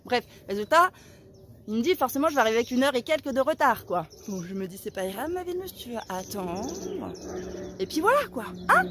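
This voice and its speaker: Woman, forties, casual vlog storytelling, dramatic and animated, sore throat, a touch high-pitched. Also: brisk, a little hiss or hum. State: sore throat, talking softer than usual. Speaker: vlogger.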